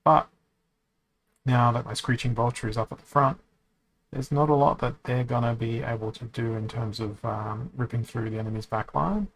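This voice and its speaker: While streaming a card game, a man thinks out loud, frequently correcting himself and hesitating. His medium-pitched voice is steady and slightly bright, though the audio quality is poor. It's casual play-by-play commentary.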